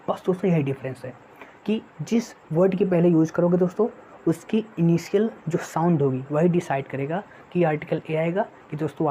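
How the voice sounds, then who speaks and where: A woman gives an online exam-prep grammar lesson in a low, mellow voice. She keeps putting rhetorical questions to her viewers and repeats her key points. The recording is dull and lo-fi, with faint hiss underneath. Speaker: English teacher. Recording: dull lo-fi sound with faint noise.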